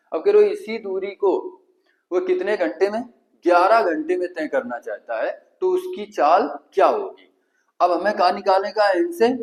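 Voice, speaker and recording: A man's voice: high voice, poor audio. Man teaching math in a Kanpuri accent. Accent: Kanpur Hindi. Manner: asks the class questions then answers them himself, stepwise and repetitive. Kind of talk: exam-prep math lesson.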